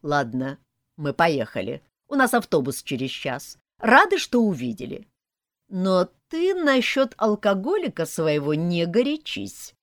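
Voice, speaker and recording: A woman's voice: on the low side, big pitch swings, a little slow, dry recording. An easygoing, know-it-all middle-aged aunt, voiced by a woman narrator. She waves things off in a placid, dismissive tone. The recording is close and dry. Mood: advising.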